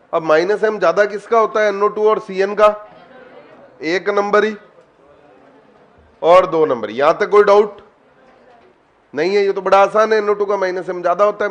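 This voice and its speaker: A man with a high voice teaches a chemistry lesson online. He keeps quizzing his students, coaxing answers out of them and calling on them by name. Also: moderate pace, long pauses, dull audio.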